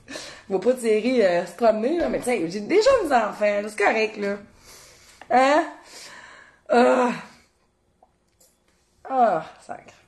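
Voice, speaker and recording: Chatty Québécois woman, fairly high voice. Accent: Québécois French. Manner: expressive, chatty, swears casually; talks straight to viewers, reads their comments. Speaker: cooking show host. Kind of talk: casual livestream chat.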